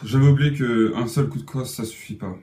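A man giving excitable gameplay commentary, swearing and yelling at opponents as he plays. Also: medium pitch, a little fast, far from the mic. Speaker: gamer. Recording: echoey room, voice off-mic, music underneath.

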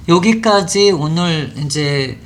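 Patient phonics teacher with a lively pitch. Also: slow. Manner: patient, explains step by step with fillers. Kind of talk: explaining a lesson.

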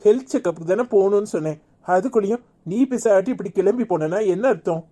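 A woman's voice: medium pitch, fast, dark tone, lightly acted. A woman playing a stern village husband who reproaches his wife, in a Kanyakumari Tamil accent. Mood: reproachful.

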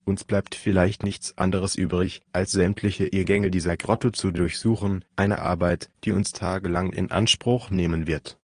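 A decisive male adventurer who gives orders calmly, read by a man. The voice is very low and dry, and the tone is firm and measured. It sounds like an audiobook part. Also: breathy edge, dry recording, exaggerated voice. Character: calm, decisive male adventurer leading the search. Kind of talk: audiobook reading.

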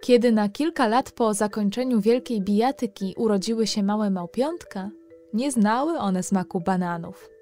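Speaking straight to young listeners, the female host and storyteller of a children's programme spins playful tales in a warm, medium-pitched voice at a moderate pace. Soft music plays in the background.

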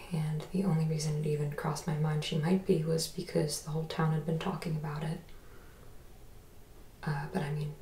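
A woman's voice: deep voice, a little hiss or hum. A woman playing a hesitant, haunted young woman. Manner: hesitant, soft-spoken, reflective. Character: young woman haunted by a friend's death, thoughtful. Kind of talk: audio drama acting. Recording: roomy echo.

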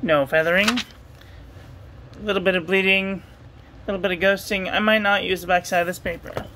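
A woman reviewing ink and paper at a home desk, talking through a steady, repetitive checklist and getting excited about the ink colors. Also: medium pitch, moderate pace, a little hiss or hum, low-quality recording. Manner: enthusiastic over ink colors. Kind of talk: casual product review voice-over.

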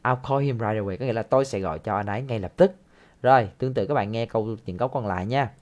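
A man's voice: fairly low pitch, very fast, muffled recording. Patient male English teacher. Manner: patient, repeats phrases, ends sentences with soft tag words. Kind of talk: explaining a listening lesson.

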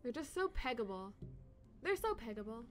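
A young woman streaming games from home into a desk microphone, loud and excitable, shrieking and swearing as she plays. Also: fairly high pitch, moderate pace. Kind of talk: live game streaming. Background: game music.

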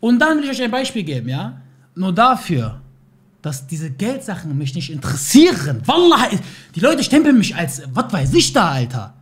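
A man's voice: sits high, wildly swooping pitch, moderate pace, husky. A young man in a heated personal vlog, telling his side of a dispute, swearing oaths and dropping in Turkish phrases. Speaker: YouTuber responding to a video.

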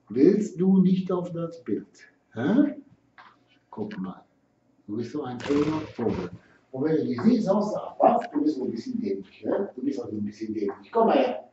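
A man's voice: mid-range voice, dark tone, slight background noise. A man talking to his pet birds in a teasing, sing-song coaxing way, tacking "hä?" and "ne?" onto his questions, at home. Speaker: pet bird owner. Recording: dull, roomy home video from a distance.

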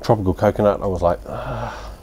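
A man's voice: on the low side, brisk, a little mellow, breathy edge. A man in his fifties with a New Zealand accent, casually reviewing a beer at his outdoor home bar in a blunt, rambling way. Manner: laid-back, blunt, rambling with fillers and mild swearing.

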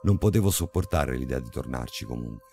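Guy reading a creepy story, really low voice, dramatic and slow, soft music under it. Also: expressive, vocal fry. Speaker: narrator. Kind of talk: scripted horror story narration. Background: faint music.

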